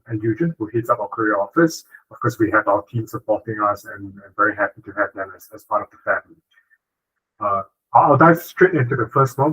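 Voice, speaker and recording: This is a rough recording of a man from Singapore, a corporate lawyer, presenting an online webinar by video call. His medium-pitched voice is a bit bright with a breathy edge, and his fluent delivery is peppered with "uh" and "right?".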